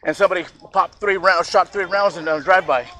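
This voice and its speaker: A man's voice: high voice, fast, sharp tone. A man chatting casually as a participant on a group tour. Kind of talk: casual chat. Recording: crowd chatter around the voice.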